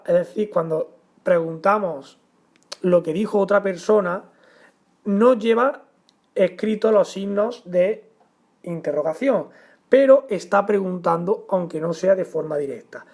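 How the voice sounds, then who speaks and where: A man teaching a grammar lesson, explaining at a measured pace and stressing the example words. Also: high voice.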